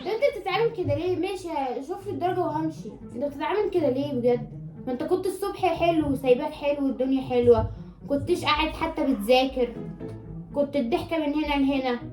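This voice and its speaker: A woman's voice: high-pitched, rapid-fire, roomy sound, over music. A young woman with an Egyptian Arabic accent on a casual home vlog, pleading and insisting with her brother. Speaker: co-host, the host's sister.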